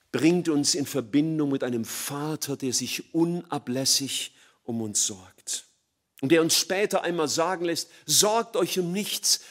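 A middle-aged man preaches an evangelistic sermon, moving between loud, emphatic peaks and hushed, low passages.

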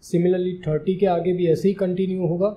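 A man's voice: sits high, little pitch movement, moderate pace, dark tone. A man teaching a spoken English lesson, spelling words out letter by letter in a careful, explaining manner.

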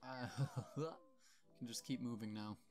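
A man's voice: mid-range voice, fairly even intonation, a little slow, noisy background. A young man casually commenting on his gameplay and reading the game's dialogue aloud in his own plain voice, offhand and self-deprecating. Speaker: let's play host.

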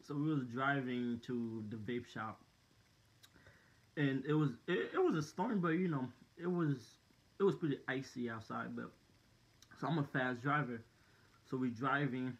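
Young male vlogger, loose slangy storyteller, mid pitch, dull lo-fi recording. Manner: rambling, many "like" and "dude" fillers, slangy. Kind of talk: casual storytelling to camera.

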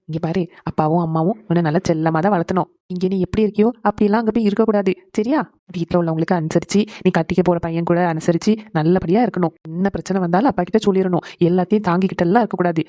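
A woman's voice: fairly low pitch, mellow, dry recording, natural voice. A woman voicing a fussing, doting dad. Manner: fast, fussing and emotional. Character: doting, tearful father of the bride. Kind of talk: cartoon voice acting.

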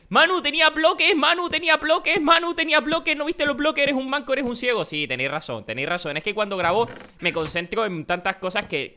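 A young man, commentating his own Minecraft match in a rambling, excitable way and breaking into frantic shouts. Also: on the high side. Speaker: gaming YouTuber.

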